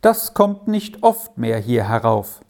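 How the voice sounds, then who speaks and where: A woman's voice: very deep voice, very animated, slow, gravelly, darkish tone, full character voice. A woman voicing a cocky, scheming young herd boy in a storybook reading, talking in a brash, coaxing, sly way.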